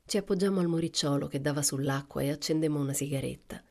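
A woman narrating a novel for an audiobook in a calm, measured way, with soft whispered asides. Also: deep voice. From Italy. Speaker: audiobook reader.

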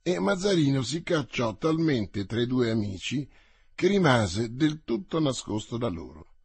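A man narrating a novel aloud in a measured, theatrical way, as an audiobook reading for radio. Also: mid-range voice, sing-song, creaky, husky, no room sound.

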